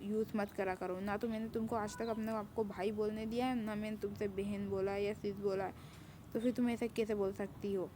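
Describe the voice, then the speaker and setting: A possessive young man from a mafia family, as a woman narrator puts him on. He speaks in a low-key, even voice with a soft, dark tone, like a story told aloud at home. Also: fairly quick, a little hiss or hum, lightly acted. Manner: possessive, domineering. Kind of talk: storytelling with acted dialogue.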